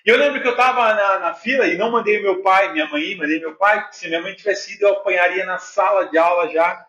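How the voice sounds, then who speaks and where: A middle-aged Brazilian man preaching a sermon with a Brazilian Portuguese accent, animated and conversational, telling personal stories to his congregation. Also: high-pitched, fast. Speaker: pastor. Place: church hall. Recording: echoey church, dull lo-fi sound.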